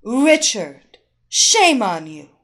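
A woman voicing a seductive, domineering female hypnotist who gives slow, soothing commands. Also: on the high side, sing-song, darkish tone, exaggerated voice. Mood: teasing. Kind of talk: erotic audio story acting.

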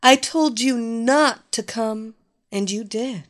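A woman voicing a domineering, mocking female villain who gives orders in a slow, coaxing way. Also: on the high side. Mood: commanding. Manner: slow, coaxing, commanding delivery. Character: commanding, domineering woman villain, mocking and sure of her power. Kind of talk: audio story reading.

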